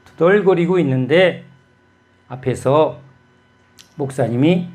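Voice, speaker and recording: A man's voice: on the high side, slow pace, a little mellow. A man preaching a sermon as pastor, telling stories and putting rhetorical questions to his congregation.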